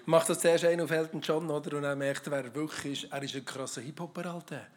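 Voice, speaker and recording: A Swiss German preacher talks straight to the congregation in a relaxed, chatty sermon. The delivery jokes around and keeps throwing questions at the listeners, with a voice of middling pitch. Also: quick pace. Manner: lively, joking, conversational, asks the audience.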